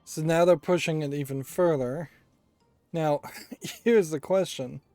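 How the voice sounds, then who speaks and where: Mellow man thinking aloud over a game. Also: fairly high pitch, measured pace, no echo. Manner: musing, analytical, thinking aloud. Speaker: host of a video game playthrough. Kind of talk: casual game commentary. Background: game music.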